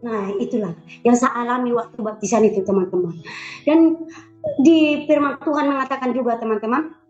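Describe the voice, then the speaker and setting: High-voiced woman testifying. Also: a little fast, a little mellow. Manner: emotional, repeats phrases, calls out prayers aloud. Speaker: former shaman giving a church testimony. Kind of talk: personal faith testimony. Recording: roomy, dull lo-fi sound with faint music.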